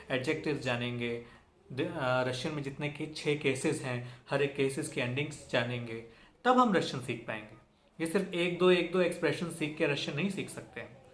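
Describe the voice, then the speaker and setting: A young man teaching a language lesson, patiently explaining, repeating example words with strong stress and often checking in with listeners. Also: mid-range voice. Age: young adult. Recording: echoey room.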